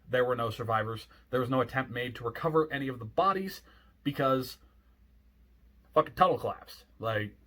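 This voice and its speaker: A man with a grumpy, cynical, sarcastic manner, telling stories casually as a video host, with deadpan asides and swearing. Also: medium pitch, breathy edge. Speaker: host of a ghost story video. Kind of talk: casual storytelling monologue to camera.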